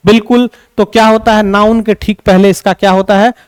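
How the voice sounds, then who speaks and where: A man teaches English grammar in an online lesson, drilling each rule through repetition and answering the questions he asks himself. His voice sits high for a man. The recording is dry and close. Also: flat delivery, smooth, no echo. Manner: reads English example sentences slowly with stress.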